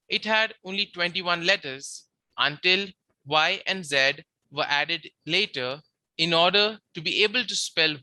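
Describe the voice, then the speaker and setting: Very bright, dry voice teaching grammar. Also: mid-range voice, no echo. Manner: methodical, repeats examples slowly; habitually says "we see". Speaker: Latin teacher. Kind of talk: beginner grammar lecture.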